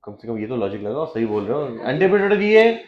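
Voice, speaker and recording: A man teaching biology in a classroom, firing questions at students and teasing them, with quick low asides. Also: sing-song, lo-fi sound. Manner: quizzes students with repeated questions, teasing and joking. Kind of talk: lively classroom lecture.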